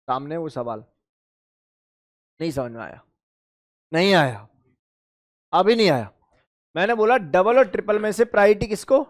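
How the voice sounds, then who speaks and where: In an energetic exam-prep chemistry lecture, a man with a high voice counts positions out loud to drill his class, addressing them as beta and bhai. He asks questions and then answers them himself, and something of his own comes through on the technical terms.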